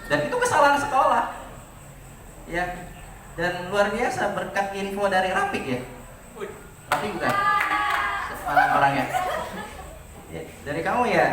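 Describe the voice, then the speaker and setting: A man in his forties, a teacher, giving a lively farewell speech to his graduating students and telling stories with rhetorical questions. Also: high voice, far from the mic, background noise. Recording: echoey room, voice from afar, audible ambience.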